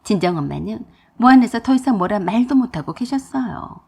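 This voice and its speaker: A woman's voice: a little high, animated, a little fast, gravelly, darkish tone, husky. A woman telling a radio drama story in the first person. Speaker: narrator.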